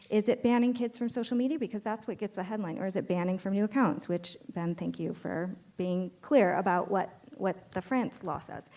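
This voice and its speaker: A woman's voice: on the high side, a little mellow. A woman speaking as a panelist at a live podcast taping, making her point emphatically through rhetorical questions and frequent fillers. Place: conference stage before an audience.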